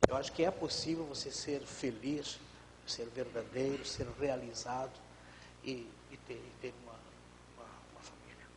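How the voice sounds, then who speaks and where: On live TV in a studio with a long reverb tail and faint hiss, a pastor with a mid-range male voice speaks calmly and explanatorily at a moderate pace. He often lets his sentences soften and fade away.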